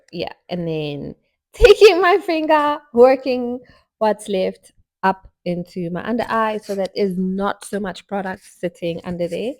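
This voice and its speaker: Woman, young adult, casual makeup chat, friendly, low voice, dry close sound. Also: a little mellow, dry recording. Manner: chatty, friendly, with many fillers. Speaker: beauty vlogger. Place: home, indoors.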